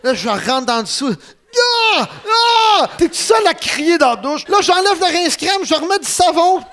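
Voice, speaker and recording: A man with a Quebec French accent, telling a comic story in an excitable way, laughing and letting out yelps. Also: very high voice, fairly quick. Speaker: radio host.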